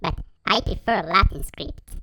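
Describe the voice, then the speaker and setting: A woman's voice: deep voice, huge pitch swings, measured pace, gravelly, sharp tone, no room sound, full character voice. A woman voicing a curious young student who asks her teacher plain, eager questions.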